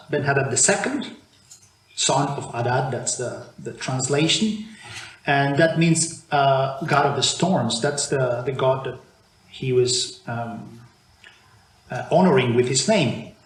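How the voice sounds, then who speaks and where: Preaching in a church, an Argentine man delivers a conversational sermon at a slow pace, often restarting sentences and using fillers. His voice is medium in pitch, and the room is echoey with faint background noise.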